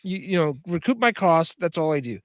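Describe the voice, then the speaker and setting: A man hosting a podcast, telling stories in a loose, profane, animated way. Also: fairly high pitch, brisk, no room sound, clean studio sound. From Canada. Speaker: podcast host. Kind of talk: casual chat.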